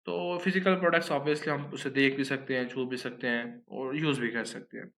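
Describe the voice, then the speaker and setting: Bright-voiced man explaining casually. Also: mid-range voice, steady tone, moderate pace. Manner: conversational, keeps checking in with listeners. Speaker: online scams explainer.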